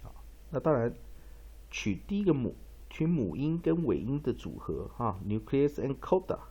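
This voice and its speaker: A male English teacher giving a pronunciation lesson, explaining at length with many drawn-out fillers and reading dictionary entries aloud. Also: mid-range voice, very animated, mellow, husky, lo-fi sound. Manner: reads dictionary entries slowly.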